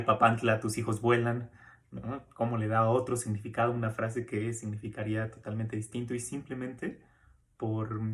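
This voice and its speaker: In a recorded course lecture, a male university lecturer from Mexico speaks in a voice on the low side. He explains things casually, slipping in tag questions and filler words along the way.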